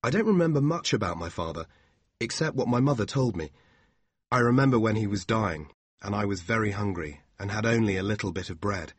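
A man voicing a sincere, devoted young man, speaking slowly and earnestly. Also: lowish voice, expressive, breathy edge, dry recording, voice pushed up.

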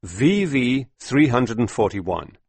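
A man voicing a calm, measured male detective in a read-aloud detective story, asking probing questions in a husky voice. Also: mid-range voice, no room sound, pitched above the performer's own voice, full character voice.

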